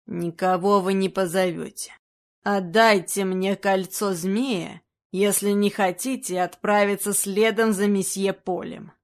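A woman's voice: mid-range voice, fairly even intonation, measured pace, natural voice. A woman doing a menacing foreign-accented stranger.

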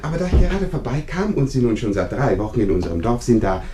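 An actor playing a fussy, overly polite village visitor in a radio play, effusive and rambling. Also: male voice, mid-range voice, big pitch swings, fast, mellow, a little hiss or hum, lightly acted. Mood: apologetic.

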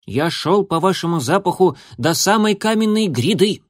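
A man voicing an eager, boastful young male kitten in a storybook reading, chattering excitedly. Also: normal speed, dry recording, clean studio sound. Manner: excited, bragging, high-pitched chatter.

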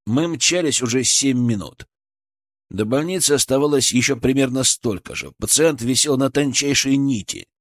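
A man reads a fantasy audiobook aloud, delivering scripted, tense first-person narration. His voice is medium-pitched at a moderate pace, captured with clean studio sound and no echo.

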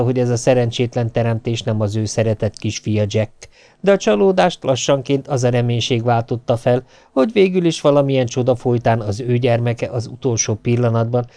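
A man giving a steady, measured audiobook narration. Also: medium pitch, no room sound. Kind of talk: scripted narration.

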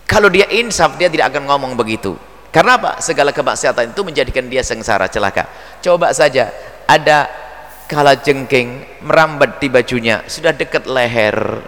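A man's voice: mid-range voice, brisk. A man preaching a religious lecture, playfully acting out little dialogues for his audience. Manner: lively, acts out dialogue, playful asides. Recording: long reverb hall.

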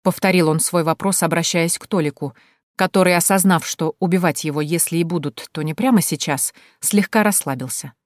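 Woman, audiobook narrator, lowish voice, wry telling, dry close sound. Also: brisk, no echo. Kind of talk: first-person audiobook narration.

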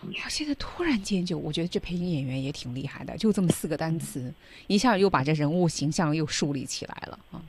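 A female radio host co-presenting an English lesson in a chatty, animated way. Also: deep voice, quick pace.

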